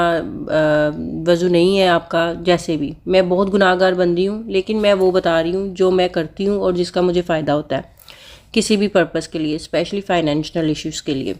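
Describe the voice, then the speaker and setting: A woman vlogger with school-age children, earnestly explaining a personal practice to viewers in a casual, repetitive, instructive way. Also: on the low side. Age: adult with school-age children. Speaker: vlogger sharing personal religious advice. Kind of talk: casual heartfelt talk to viewers.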